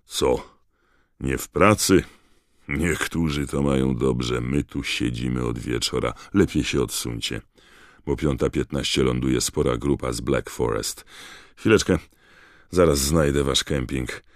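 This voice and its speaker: A man's voice: very deep voice, unhurried, vocal fry, dry recording, studio quality, exaggerated voice. A man voicing a tired, grumbling middle-aged wizard clerk.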